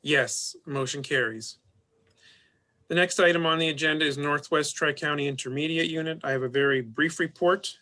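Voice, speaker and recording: A man's voice: fairly high pitch, normal speed, pushed and bright. A man speaking as board president, running a meeting with formal procedural phrasing.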